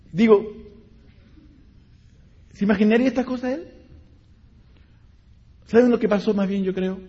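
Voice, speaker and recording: A male preacher delivers a sermon, turning dramatic as he voices scripture characters and then speaking straight to his congregation. His voice is somewhat high and husky. The recording is dull and lo-fi, with a long reverb trailing through the hall. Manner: animated, dramatic voicing of scripture characters, direct asides to the congregation.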